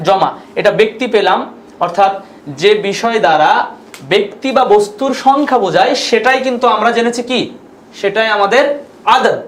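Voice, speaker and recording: A man teaching Arabic grammar in an online lesson, patiently repeating each word slowly so students can follow. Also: sits high. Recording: echoey room with faint background noise.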